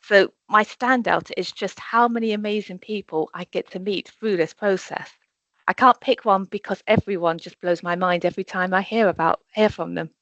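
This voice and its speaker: A woman's voice: medium pitch, moderate pace, a bit bright, dry recording. A woman speaking for a corporate sponsor on a video call from an office, effusive and full of "you know" fillers. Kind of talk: casual webinar chat. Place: office in Birmingham. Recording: dull, dry video-call audio.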